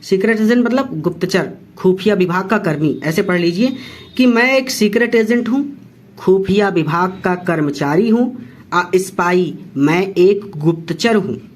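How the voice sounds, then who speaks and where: Teacher slowly translating English lines. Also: medium pitch. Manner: repeats and rephrases explanations. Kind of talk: class lesson explanation.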